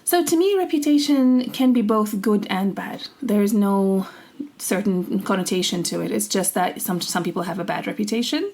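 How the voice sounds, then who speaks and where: This young woman from Syria co-hosts a podcast, telling personal stories casually and earnestly while laughing easily. She has a creaky, darkish voice at a medium pitch.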